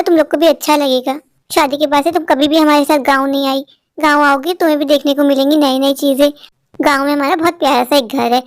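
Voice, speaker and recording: A woman doing a calm, motherly old mother-in-law. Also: sits high, no room sound, clean studio sound, voice pushed down. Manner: calm, soothing, advising. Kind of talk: dubbed Hindi cartoon story.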